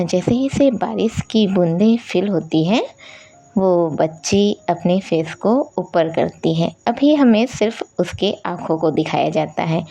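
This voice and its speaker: A young woman tells a story slowly and without hurry. Her voice is dark and mellow. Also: fairly low pitch, gravelly. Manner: slow, unhurried telling. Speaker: channel host and story narrator. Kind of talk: storytelling narration.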